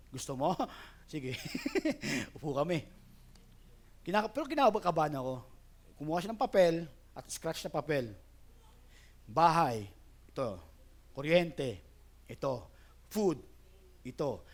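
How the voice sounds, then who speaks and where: A middle-aged Filipino man preaching a sermon in animated Taglish, telling a personal story that grows more excited. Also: fairly high pitch, measured pace, long pauses. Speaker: pastor.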